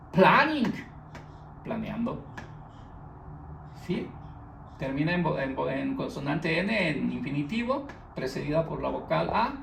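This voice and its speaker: A man's voice: on the high side, gravelly, far from the mic, a little hiss or hum. A man teaching an English grammar lesson, explaining rules patiently and repeating them, stressing each English word. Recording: echoey room, voice off-mic.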